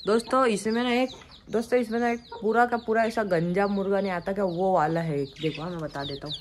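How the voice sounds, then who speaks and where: A man's voice: high voice, brisk, a little hiss or hum. A man chatting to viewers in a casual pet vlog by his poultry pens, calling out to his birds now and then. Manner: chatty, keeps addressing viewers as friends; coaxes and scolds the animals loudly. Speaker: pet vlogger. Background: clucking hens and birds.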